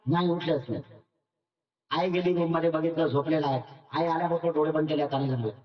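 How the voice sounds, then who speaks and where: Brief: high-voiced male monk, animated sermon storyteller, picked up from far off in a roomy hall. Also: fast. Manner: animated storyteller acting out the characters. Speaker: Buddhist monk. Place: meditation camp hall. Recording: dull, echoey, from far off.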